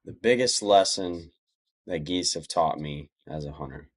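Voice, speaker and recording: A man's voice: deep voice, a little slow. A man chatting casually as an interview guest, talking in a plainspoken, reflective way. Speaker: podcast guest.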